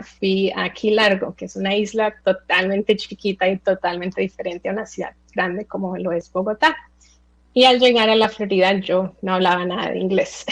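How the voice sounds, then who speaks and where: A Colombian-born woman of about forty, raised in the United States, giving a relaxed, chatty talk with many filler sounds. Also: medium pitch, gravelly, poor audio. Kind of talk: online talk.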